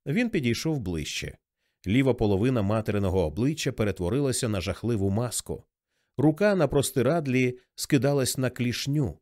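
A man narrating a novel as an audiobook, with expressive, varied delivery. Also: mid-range voice, a little fast, dry recording, studio quality. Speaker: audiobook reader.

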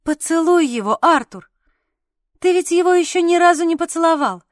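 A tender young mother speaks gently and earnestly, her voice fairly high, as a woman reads her part. The audiobook recording is dry and close-miked. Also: moderate pace, dry recording, natural voice. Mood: playful. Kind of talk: audiobook character voicing.

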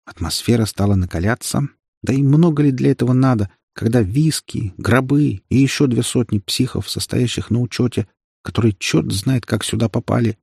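A man narrating a dramatic audiobook in an expressive storytelling manner. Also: medium pitch, moderate pace, vocal fry, slightly rough, no echo, studio quality.

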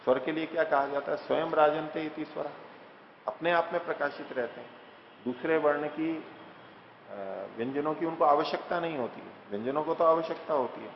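A man teaching scripture, reciting verses slowly and then explaining them plainly with rhetorical questions. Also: fairly high pitch, gravelly, slight background noise. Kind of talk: scripture lecture. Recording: echoey hall, dull lo-fi sound.

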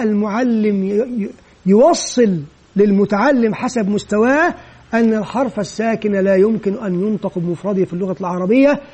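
Guy with a really high voice teaching a lesson, asks himself questions then answers em. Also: a little mellow. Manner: explains step by step, asks and answers his own questions. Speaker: teacher trainer. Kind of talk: instructional lecture.

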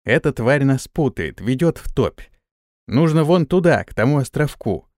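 Young lord, voiced by a male reader: dry, wry, lively delivery. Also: medium pitch, moderate pace, no room sound, close to an everyday voice. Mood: irritated.

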